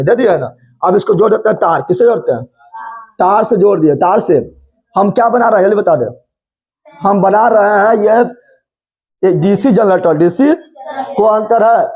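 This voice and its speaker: A man's voice: high voice, a little mellow, breathy edge. A male physics teacher, lecturing a class, repeating every question back to the students and scolding them playfully. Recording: dull lo-fi classroom recording.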